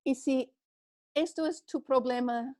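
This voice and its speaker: Woman Bible teacher, high voice, slow and earnest, dry close sound. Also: fairly even intonation, dark tone, no room sound. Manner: earnest, storytelling, with small restarts. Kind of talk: church women's class teaching.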